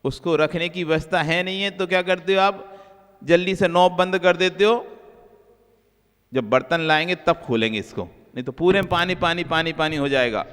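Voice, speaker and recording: Male Jain monk, sermon delivery, slightly high pitch, sudden drops to soft asides then raised emphasis, long hall reverb. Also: moderate pace, smooth. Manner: repeats key phrases for emphasis; swings between soft low asides and raised emphatic lines.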